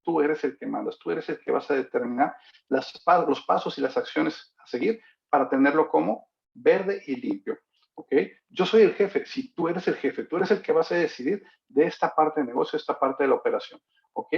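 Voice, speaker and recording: Gravelly man teaching sales in lo-fi audio. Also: a little high, moderate pace. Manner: acts out father and son dialogue in a fable. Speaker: sales trainer. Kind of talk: lecture with a told fable. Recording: dull lo-fi recording.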